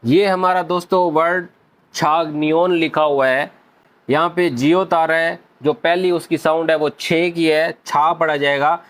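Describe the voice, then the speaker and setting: High-voiced man teaching Korean. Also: steady tone, fairly bright tone. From Pakistan. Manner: friendly, keeps addressing viewers as friends, drawn-out slow spelling of sounds. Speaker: Korean language teacher, channel host. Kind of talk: casual video lecture explaining Korean pronunciation rules.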